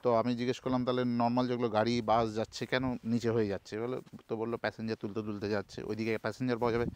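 A man, narrating a travel vlog in a chatty, excited way as he drives through hill villages. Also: medium pitch, rapid-fire, smooth. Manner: chatty, excited about scenery. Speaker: travel vlogger. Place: outdoors on a road trip, in and around a car. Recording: noisy outdoor recording with traffic.

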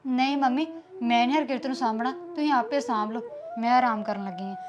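Give me a young woman playing a defiant young bride with a high, blunt voice. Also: quick pace, lo-fi sound, background noise, lightly acted. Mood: sulky. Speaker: actor. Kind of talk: web series drama acting.

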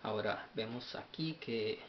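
Lowish halting man teaching Bible study. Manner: halting, repeats words while searching notes. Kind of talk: unscripted Bible study talk. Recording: dull lo-fi sound with faint hiss.

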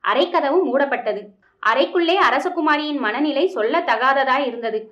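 Woman reading a historical novel out loud, high voice, sound a bit dull and muffled. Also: normal speed. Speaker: narrator reading a novel aloud. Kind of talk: scripted narration of a historical novel.

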